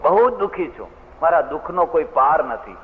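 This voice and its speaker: A man's voice: on the high side, big pitch swings, moderate pace. A male preacher voicing a grieving, worn-down daughter-in-law who pours out her complaints, heard through a tinny sound system in a reverberant hall. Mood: lamenting.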